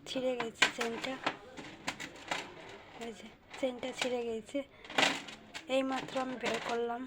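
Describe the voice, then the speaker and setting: A young woman housewife vlogging to viewers from her phone at home at night, talking softly and hushed because her child is asleep. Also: a little high, flat delivery, unhurried, heavy background noise. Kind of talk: casual vlog talk to viewers.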